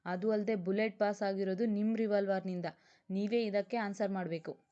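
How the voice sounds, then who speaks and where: A woman's voice: mid-range voice, steady tone, a little fast, mellow, lightly acted. A woman reading a brusque senior male police officer who scolds his subordinate, on a dull lo-fi recording. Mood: scolding. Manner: brusque and reprimanding.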